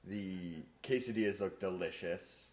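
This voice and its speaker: A young man reads viewer comments aloud on a live stream. His voice is low and his delivery is very slow, and he hesitates on fillers as he works through each name. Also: a little mellow. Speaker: assistant reading viewer comments.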